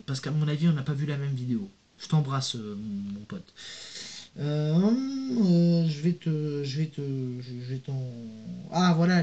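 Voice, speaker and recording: A man's voice: on the high side, mellow. A young man in a casual vlog, reading viewer comments aloud and answering them in a rambling, slangy way while speaking straight to the viewer. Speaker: YouTuber. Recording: dull lo-fi sound.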